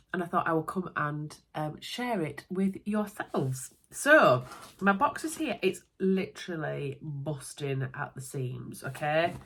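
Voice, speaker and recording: A young sewing vlogger from Yorkshire, England, unboxes a sewing parcel at home, chatting bubbly with lots of little asides in her Yorkshire English accent. Her voice sits low and sounds stuffy, nasal and bunged up from a cold.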